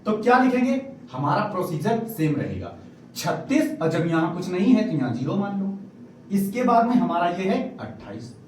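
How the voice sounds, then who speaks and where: A man's voice: sits high, sing-song, moderate pace, darkish tone. A man teaching a maths lesson to a class, coaxing students to read the questions aloud and checking their answers. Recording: echoey room from far off, faint noise.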